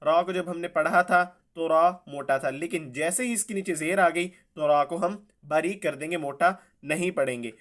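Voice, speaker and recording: A man teaching Quran recitation, spelling each letter and vowel mark aloud before reciting the words slowly and drawn out. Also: a little high, a bit bright. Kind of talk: slow spelled-out tajweed lesson.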